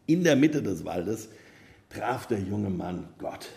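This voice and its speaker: A man preaching a sermon, telling a parable in a calm, measured way. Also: fairly low pitch, gravelly. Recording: roomy echo.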